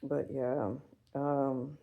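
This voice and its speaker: A woman's voice: rumbling low, little pitch movement, drawn-out words, narrow, tinny audio. A woman in her forties chatting casually to camera in a rambling, profane way, full of fillers. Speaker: vlogger. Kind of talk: casual chat.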